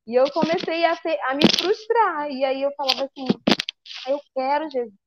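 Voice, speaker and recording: Brazilian woman, high voice, animated testimony with acted-out quotes; dry, dull recording. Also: fairly quick, very noisy. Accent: Brazilian Portuguese. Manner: lively storyteller who acts out quoted dialogue. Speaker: speaker giving a religious testimony. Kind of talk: personal testimony told to a live group.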